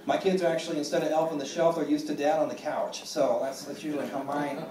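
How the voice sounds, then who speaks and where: A man in his thirties doing a stand-up comedy set on a club stage, deadpan and self-deprecating, with lots of ums and restarts. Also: fairly high pitch, noisy background. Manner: deadpan, self-deprecating, halting with many fillers. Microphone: phone recording from the audience. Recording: echoey room, mic far from stage.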